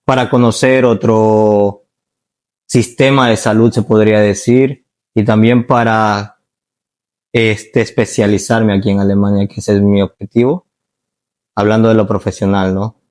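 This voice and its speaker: A man in his thirties from Ecuador, a nurse, answering interview questions in a calm, measured way and often ending with "¿no?". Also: mid-range voice. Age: 30s. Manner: calm, measured, frequent "¿no?" tags.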